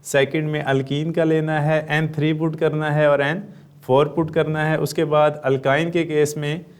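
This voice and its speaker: A man with a Pakistani Urdu accent teaching a chemistry lesson, explaining step by step and answering his own questions, with frequent "uh" pauses. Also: a little high, level tone, smooth. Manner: often says "uh". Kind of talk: classroom lecture.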